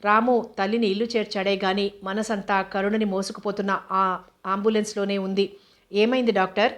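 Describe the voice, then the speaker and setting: A woman narrating a novel with a steady storytelling manner. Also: mid-range voice, normal speed. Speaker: audiobook narrator.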